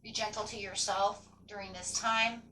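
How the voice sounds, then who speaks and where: Woman, fortune-teller tarot reading, medium pitch, encouraging, rambling, conversational check-ins, some background noise. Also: steady tone, normal speed, pushed and bright, low-quality recording. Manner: encouraging, affirming; rambling, peppered with "right?" and "you know". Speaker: tarot card reader hosting a reading. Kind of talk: spontaneous fortune-teller style tarot reading addressed to viewers.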